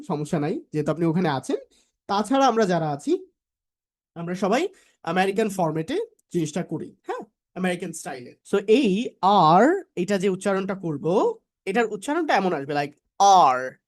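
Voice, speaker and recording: A woman from Bangladesh leads a live online pronunciation class. She drills each word over and over in a voice that swoops up and down, and she drops English phrases into her explanations. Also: fairly low pitch. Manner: drills words by repeating them slowly, coaxing learners.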